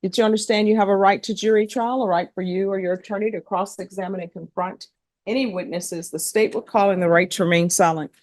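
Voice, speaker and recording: This is a fast-talking woman whose medium-pitched voice stays steady and sounds a little mellow, with no room sound. As the judge presiding over a court hearing, she questions people formally and procedurally, spelling out names.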